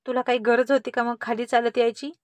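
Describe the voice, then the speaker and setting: Brief: woman reading mellow, indulgent dad, calm, own high voice, dry close. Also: fairly quick, no room sound, close to an everyday voice. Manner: calm, soothing. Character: calm indulgent father, gently amused.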